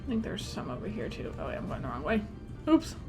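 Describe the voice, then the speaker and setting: A woman's voice: mid-range voice, huge pitch swings, fast. A woman giving casual gameplay commentary as the host of a walkthrough. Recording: game music behind.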